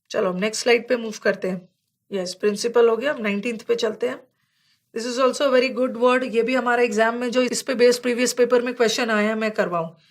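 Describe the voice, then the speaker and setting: हिंदी में शब्द समझाती, ऊँची आवाज़ वाली महिला शिक्षिका. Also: female voice, a little high. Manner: explains in Hindi, mixing in English words, and reads English example sentences slowly. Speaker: English vocabulary teacher. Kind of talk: slide-based exam vocabulary lesson.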